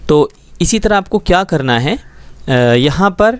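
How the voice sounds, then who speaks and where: A man's voice: a little high, lively intonation, smooth, no room sound. A man teaching a schoolbook Urdu lesson, explaining words patiently and often checking that students follow. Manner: patient, explains slowly with frequent check-ins.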